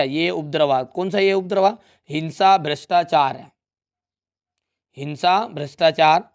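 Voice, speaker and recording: Young guy tutor walking through exam answers, kinda high voice, keeps asking if you got it. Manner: explains step by step in a friendly way, often checks in with students. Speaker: teacher. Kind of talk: exam revision lesson.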